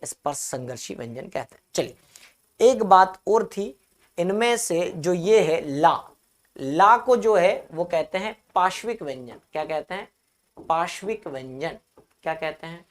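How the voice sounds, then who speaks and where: A male Hindi teacher giving a live online grammar class, asking his own questions and answering them, repeating key terms slowly so students can write them down. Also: high voice, expressive.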